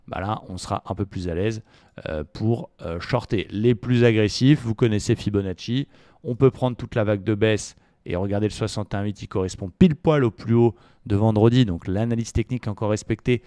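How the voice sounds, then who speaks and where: Male trading educator, low smooth voice, casual and slangy, dry close mic. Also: no room sound. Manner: relaxed, chatty, frequent fillers, slangy asides. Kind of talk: casual market analysis video.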